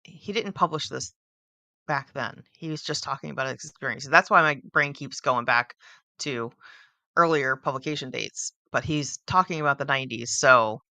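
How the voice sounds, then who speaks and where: A woman's voice: rumbling low, moderate pace, creaky, bright, forceful tone, no echo. A woman hosting a book club, reading a book aloud with casual commentary, stumbling over words and adding dry sarcastic asides.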